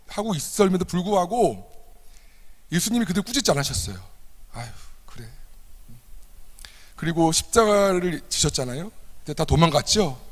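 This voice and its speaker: A man's voice: sits high, in a large hall. A man preaching a sermon to a youth service, acting out quoted lines with a raised voice. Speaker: youth ministry pastor. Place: church.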